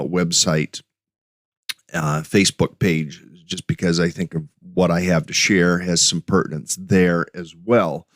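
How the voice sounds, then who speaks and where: A middle-aged man with a very low, deep voice talks through a casual solo podcast. His delivery is halting and full of restarts and fillers, recorded close and dry with no room sound. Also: no room sound. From United States. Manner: hesitant, many restarts and fillers. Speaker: podcast host.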